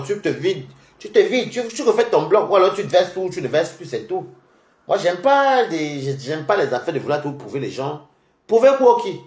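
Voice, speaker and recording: A young man ranting on a livestream in a taunting, mocking way. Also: fairly high pitch. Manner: taunting, mocking, rapid-fire. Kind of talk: heated livestream rant. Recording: echoey room.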